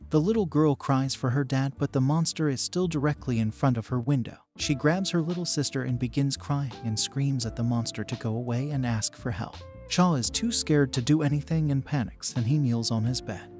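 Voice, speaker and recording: A man narrating a comic story recap in a steady, plain storytelling manner. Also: mid-range voice, normal speed, few pauses, soft background music.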